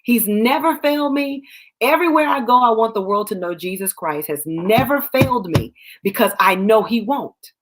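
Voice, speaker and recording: A woman giving casual Bible teaching as host of her web show, talking conversationally and acting out scripture scenes in quoted voices. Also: a little high.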